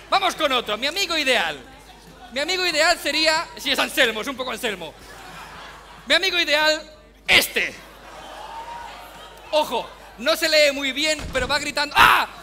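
A man doing a stand-up comedy monologue, loud and mocking with sudden shouts. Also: extremely high pitch, gravelly.

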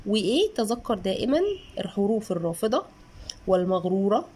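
A woman in her thirties with an Egyptian Arabic accent, a mother chatting earnestly through a casual book review and sometimes sounding out syllables slowly. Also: mid-range voice, animated, darkish tone, slight background noise. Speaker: mother reviewing children's books.

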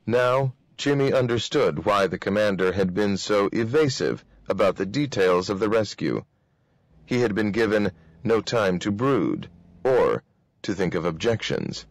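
Low-voiced man reading a novel aloud. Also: no room sound. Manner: steady, measured reading. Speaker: reader.

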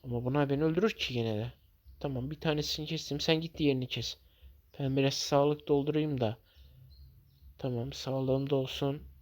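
A young man giving casual gameplay commentary, excitable and quick to rant and swear at his teammates. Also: mid-range voice. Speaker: gamer commentating his own match.

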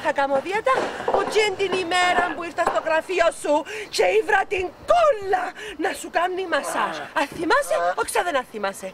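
A woman's voice: extremely high pitch, sing-song, hardly any pauses, a loud crowd. An actress with a Cypriot Greek accent playing a bossy wife who scolds her husband in a TV sitcom. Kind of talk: sitcom acting.

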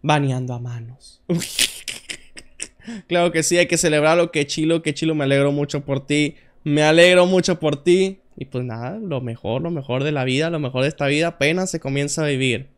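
A young man with a Mexican accent streaming a puzzle game live, joking loudly, swearing and answering his chat. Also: fairly high pitch, normal speed, clean tone. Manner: loud and joking, swears often, reads chat aloud.

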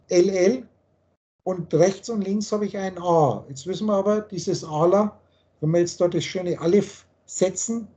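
A man's voice: high voice, warm tone. Man lecturing on a video call. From Germany. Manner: explains word meanings letter by letter, lecturing. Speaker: spiritual teacher.

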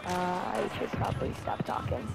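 A man's voice: high-pitched, flat delivery, moderate pace, gravelly. Goofy teen boy trash-talking in voice chat. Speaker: gaming friend on party chat. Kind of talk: casual gaming chat. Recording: roomy voice chat with noise behind.

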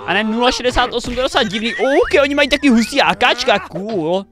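A young man hosting a reaction video in casual commentary, excitable and quick to shout warnings, often repeating himself. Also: extremely high pitch. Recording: loud music under the voice. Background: the animation's music.

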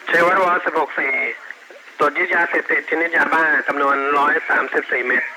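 A man's voice: fairly high pitch, fairly even intonation, brisk, background noise. A man, a police officer, reading a clipped formal report over a walkie-talkie. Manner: terse, reads out call signs and counts. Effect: heard over a walkie-talkie.

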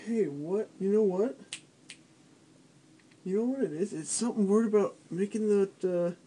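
A man's voice: high voice, moderate pace, mellow, husky. A man talking in his sleep in mumbled, disjointed, repetitive phrases. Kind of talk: unconscious sleep talk. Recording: noisy home recording with clicks.

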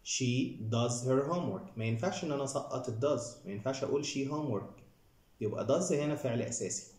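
Man, Egyptian Arabic accent, grammar teacher, middle-pitched voice, step-by-step explaining, roomy echo. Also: animated, quick pace, a little mellow. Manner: explains step by step, addressing viewers directly. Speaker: English teacher. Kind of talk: grammar lesson.

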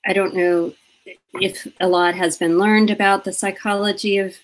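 A woman's voice: medium pitch, little pitch movement, moderate pace, rough recording. A woman interviewing a guest over a live video call, chatting casually and laughing as she tells stories. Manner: chatty, laughs often, acts out childhood quotes.

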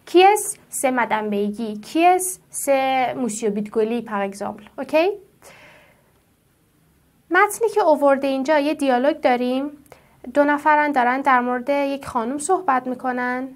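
High-voiced woman teaching French slowly. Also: lively intonation. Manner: slow, drawn-out pronunciation of French words; explains patiently and asks the class questions. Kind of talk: classroom-style language lesson.

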